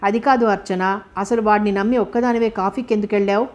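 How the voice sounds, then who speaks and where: A woman's voice: medium pitch, steady tone, fast, close to an everyday voice. A woman voicing an earnest, persistent young man who speaks in a soothing, hesitant way, in a storybook reading. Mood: concerned.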